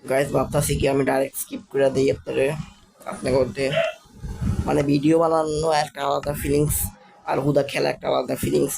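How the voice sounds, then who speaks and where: A young man, still a school student, commenting casually on his Minecraft build in a halting, stammering way, speaking slowly on purpose. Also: mid-range voice, level tone, creaky, darkish tone, slight background noise. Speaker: gaming channel host.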